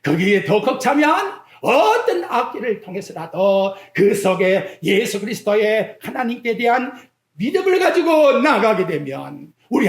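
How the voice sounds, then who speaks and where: A pastor preaching a sermon in a church sanctuary, firing questions at the congregation and swinging between loud exclamations and quiet asides. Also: mid-range voice. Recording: echoey church hall.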